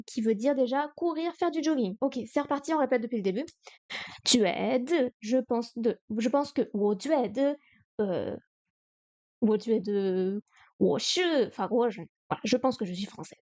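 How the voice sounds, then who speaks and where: A woman streams her study session, drilling words over and over and counting pen strokes under her breath. She talks at an unhurried, slow pace in a fairly high voice. The sound is muffled and lo-fi, like basic stream audio. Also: a little mellow. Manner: repeats vocabulary and counts strokes aloud, chatty self-talk. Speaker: streamer studying Chinese live. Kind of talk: live study stream, thinking aloud.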